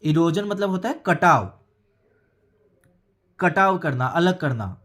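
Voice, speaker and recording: A man teaching English from a newspaper, reading English phrases slowly with an Indian accent and explaining each word in turn. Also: a little high, expressive, a bit bright.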